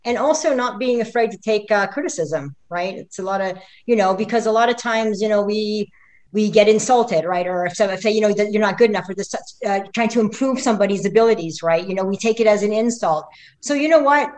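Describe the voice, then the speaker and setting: A woman's voice: medium pitch, brisk. A woman in her fifties, a pro cyclist interviewed as a guest, talking casually and emphatically and often tagging "right?" onto her sentences. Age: 50s. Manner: energetic, emphatic, keeps adding "right?".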